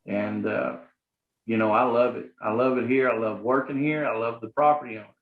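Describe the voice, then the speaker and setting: A man's voice: mid-range voice, steady tone, fairly quick. A middle-aged man with a Southern US accent, talking earnestly as an interview guest, rambling with lots of fillers. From Arkansas, US. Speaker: guest, property manager. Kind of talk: casual interview talk. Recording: echoey, phone-like sound.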